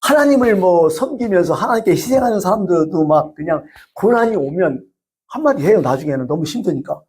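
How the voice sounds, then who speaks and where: A man's voice: sits high, a little fast. A male pastor preaching a sermon, telling stories and asking the congregation rhetorical questions. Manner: lively storytelling with rhetorical questions.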